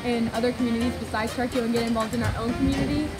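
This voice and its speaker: Fast, high-pitched young woman over loud music. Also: steady tone, poor audio. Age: teen or young adult. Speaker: student interviewee. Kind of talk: casual interview.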